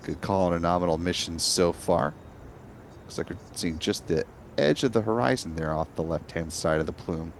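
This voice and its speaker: A man's voice: low voice, normal speed, a little hiss or hum. A man hosting a live launch webcast, explaining events in a composed way.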